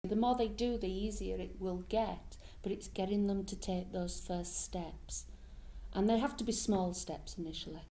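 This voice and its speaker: A middle-aged woman who works as an independent living skills worker at a hostel speaks earnestly in an interview, restarting a few times. Her voice is medium-pitched and dark, at a moderate pace.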